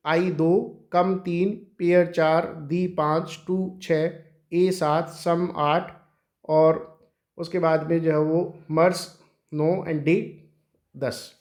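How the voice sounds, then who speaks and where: A man's voice: high-pitched, echoey room. A man with an Indian English accent teaching an exam prep lesson, asking questions and answering them himself. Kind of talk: exam prep lecture on poetry.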